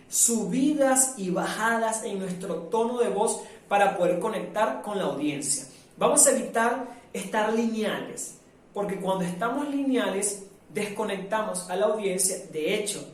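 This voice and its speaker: A man from Venezuela teaching a live online public speaking workshop, lively and demonstrative, acting out the sounds he describes. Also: high voice. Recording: very echoey room, mic at a distance.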